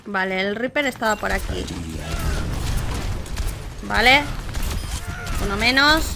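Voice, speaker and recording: A woman from Spain commenting casually on her own gameplay, chatting with viewers and crying out loudly when things go wrong. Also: medium pitch, takes it slowly, vocal fry, noisy background. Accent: Spain Spanish. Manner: chatty, reacts loudly with exclamations and cries for help. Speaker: gaming streamer.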